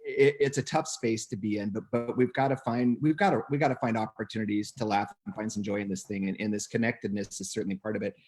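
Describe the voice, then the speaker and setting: A man's voice: fairly low pitch, steady tone, fast, hardly any pauses, darkish tone. Upbeat man chatting on a video call. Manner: upbeat, enthusiastic, laughs easily, repeats words. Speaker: guest. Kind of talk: casual video call chat.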